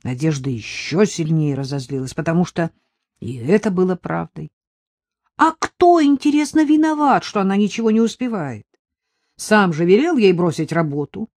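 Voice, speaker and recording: An audiobook narrator reading a detective novel in steady scripted narration. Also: medium pitch, moderate pace, no room sound, clean studio sound.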